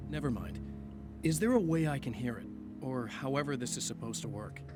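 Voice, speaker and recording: A man's voice: medium pitch, fairly quick, close to an everyday voice. An actor playing a brooding, insistent male hero in a video game. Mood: questioning. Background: clear game music.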